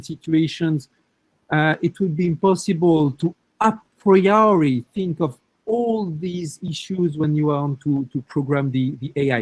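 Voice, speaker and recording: A man answering a question on a panel, explaining through examples and often pausing to restart his sentences. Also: fairly high pitch, darkish tone, no echo, low-quality recording.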